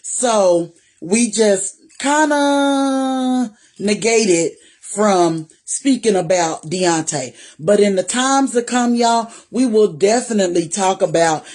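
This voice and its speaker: Taking things slowly in a mid-range voice, a vlogger in her 40s chats on her live stream. She's warm, says hello to viewers by name, and talks with a Southern "y'all."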